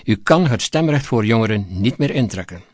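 A man's voice: on the low side, lively intonation, brisk, dry recording, natural voice. A man voicing a cautious male minister who speaks hesitantly and deferentially, recorded dry and close. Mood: timid.

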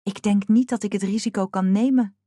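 A woman's voice: medium pitch, steady tone, brisk, mellow, no room sound, clean studio sound, lightly acted. A woman voicing a determined young girl in an audiobook, earnest and resolute though scared. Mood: troubled.

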